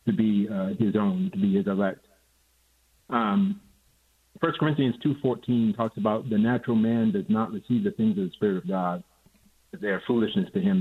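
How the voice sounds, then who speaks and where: A man calls in to a radio show, his voice coming through a thin, phone-like line. He sounds husky and a bit low, and he puts his question haltingly, stopping and starting with fillers. He is from Oklahoma. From Oklahoma, USA.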